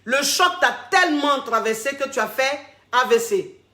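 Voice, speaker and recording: A woman hosts a call-in advice show as a relationship coach. She scolds and lectures her callers bluntly, lacing her advice with mocking insults. Her voice sits fairly high and carries a roomy echo. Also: lively intonation, normal speed, pushed and bright.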